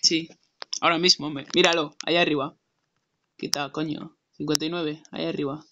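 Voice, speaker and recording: A man's voice: fairly high pitch, flat delivery, moderate pace, dull audio, noisy background. A young man from Spain, commentating his gameplay brashly and swearing as he argues with someone off-mic. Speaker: gaming streamer.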